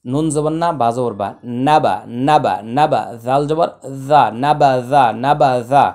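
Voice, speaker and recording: A man teaching Quran recitation, spelling out letters slowly and then chanting the words in long, drawn-out tones. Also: medium pitch, a little mellow. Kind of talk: tajweed lesson.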